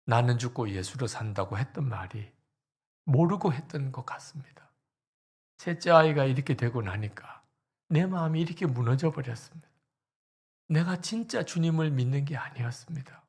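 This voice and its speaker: A preacher playing an anguished pastor praying. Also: male voice, mid-range voice, lively intonation, moderate pace, darkish tone, slightly rough. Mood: repentant. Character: anguished male pastor crying out in prayer.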